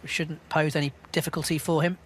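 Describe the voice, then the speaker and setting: A man giving hushed live snooker commentary in a measured, understated way. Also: fairly high pitch, flat delivery, slight background noise.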